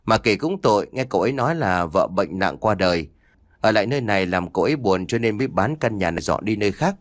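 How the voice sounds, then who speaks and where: A man's voice: fairly low pitch, animated, quick pace, no echo, studio quality, lightly acted. A man reading the lines of a cheerful, doting middle-aged father in an audiobook, talking in a chatty, fatherly way.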